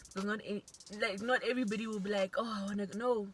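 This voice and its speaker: A woman's voice: mid-range voice, fairly even intonation, fast, a little hiss or hum. A young woman, chatting earnestly and encouragingly with a friend over food. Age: young adult. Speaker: co-host friend. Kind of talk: casual venting chat while eating.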